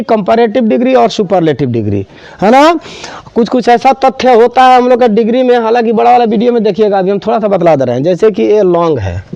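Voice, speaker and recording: A man teaching a grammar lesson, explaining step by step and slowly repeating key words for students. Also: high voice, darkish tone, no room sound, lo-fi sound.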